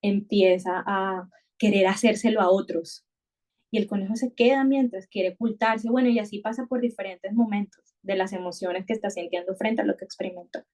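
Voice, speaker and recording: On a conversational podcast, a woman with a middle-pitched, darkish voice thinks aloud in a reflective, searching way. Her tone stays steady at normal speed as she repeats words and restarts phrases.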